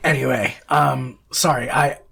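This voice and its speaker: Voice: mid-range voice, unhurried, creaky, noisy background. A podcast co-host chatting casually about films, rambling with lots of fillers and self-corrections. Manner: laughs often between phrases.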